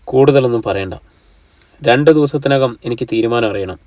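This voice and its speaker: A man's voice: medium pitch, moderate pace, darkish tone, dry recording, far from the mic, close to an everyday voice. Man voicing a blunt, pushy young fiancé. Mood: demanding. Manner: blunt, demanding. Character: frustrated young man pressing his fiancée on the phone.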